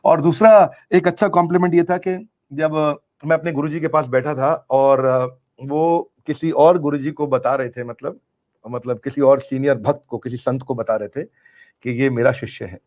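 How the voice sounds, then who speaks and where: A man's voice: on the high side, steady tone, normal speed, darkish tone. A middle-aged man answering interview questions in an earnest, emphatic way, repeating key phrases for effect. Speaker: business coach being interviewed.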